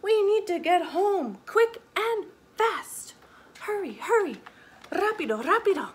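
A woman voicing a flustered busy mother in a picture-book story, exclaiming loudly and high. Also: very animated, takes it slowly.

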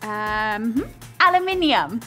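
Actress as young noblewoman vlogger, high-pitched, crisp bright tone, prim yet sweary, parody sketch, faint music. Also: expressive, slow, heavily acted. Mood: puzzled, prim. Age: young adult. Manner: chatty, over-polite, peppered with swearing. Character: chirpy, foul-mouthed young noblewoman vlogger, Sansa. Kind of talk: parody vlog sketch, scripted comedy. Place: indoor studio, seated before camera.

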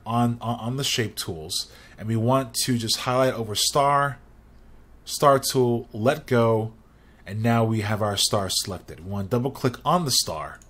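A young man hosting a screen-recorded software tutorial, talking casually and rambling, often restarting his phrases. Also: mid-range voice, breathy edge.

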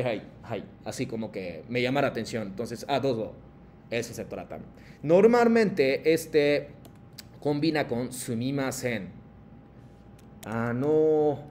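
A man leads an online class in a patient, steady way at an everyday pitch. He calls on students one by one. A faint low rumble hums behind him. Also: slow pace, pauses often. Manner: patient, calls on students by name, mixes Japanese prompts into Spanish explanations. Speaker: Japanese language teacher.

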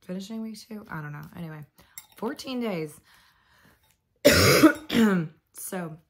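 A woman vlogging at home in a casual, rambling way, hoarse and coughing from bronchitis. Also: mid-range voice, animated, takes it slowly, fairly bright tone. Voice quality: husky, lost voice. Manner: chatty, rambling with fillers. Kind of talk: casual vlog chat.

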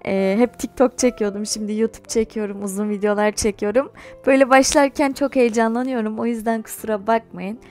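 A young woman YouTuber tells a personal story in a casual vlog, chatty and animated and laughing as she goes. Her voice is fairly high and a little fast, with soft music playing behind her.

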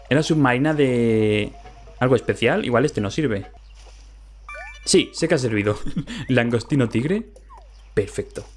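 A young gaming YouTuber from the Valencian Community in Spain gives casual let's-play commentary in a medium-pitched voice with a Spain Spanish accent. He is excitable and chatty, and he laughs often.

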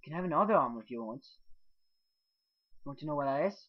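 A man hosting a casual let's play, excitable, swearing and yelping when startled. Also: fairly high pitch, fast talker. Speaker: gaming channel host. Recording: dull lo-fi mic.

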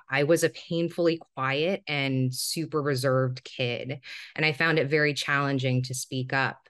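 A woman in her thirties from Singapore, a podcast guest calmly telling her life story over a video call. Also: extremely low pitch, no room sound, clean studio sound. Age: 30s. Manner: calm, reflective storytelling. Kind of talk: remote interview.

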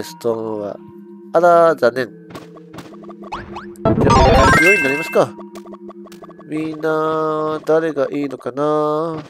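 A man hosting a let's-play, commenting excitedly and talking to himself as he plays. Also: fairly high pitch. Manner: excitable, talks to himself while playing. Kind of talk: game commentary. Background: loud game music.

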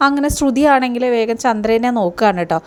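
A woman's voice: a little high, animated, quick pace. A woman casually retelling a TV serial episode in a chatty way, keeping the listener involved with asides. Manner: chatty, keeps adding "you know" asides to the listener. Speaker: TV serial reviewer.

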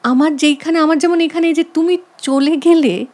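A woman reciting poems slowly and expressively, with long pauses, then talking about how to recite them. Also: high voice, fairly even intonation, darkish tone. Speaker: guest reciter. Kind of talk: poetry recitation and chat. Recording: long hall reverb with music behind.

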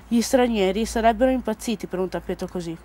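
A teenage schoolgirl slowly reading a story aloud for a school news report, earnest and careful. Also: medium pitch, warm tone. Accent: Italian. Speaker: student reader.

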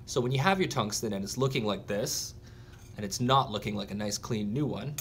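A man with a fairly low voice walks through a welding fix step by step. He talks plainly and practically, with a faint hiss in the background. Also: lively intonation, fairly quick. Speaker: welding instructor. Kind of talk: instructional demonstration. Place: welding workshop.

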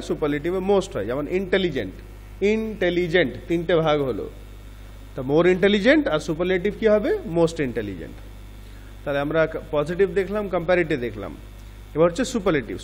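A man's voice: fairly high pitch, big-room sound. A male English teacher with a Bengali accent explains grammar, asking questions and answering them himself. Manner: explains in Bengali mixed with English examples, asks and answers his own questions. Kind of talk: grammar lesson.

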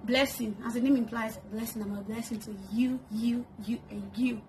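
A woman's voice: fairly high pitch, fairly even intonation, normal speed, a little mellow, slight background noise, poor audio. A woman in her twenties talking playfully to the camera in a get-to-know-me vlog, laughing often, recorded in her bedroom. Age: 20s. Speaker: YouTuber. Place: bedroom, indoors. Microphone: camera on a tripod in front.

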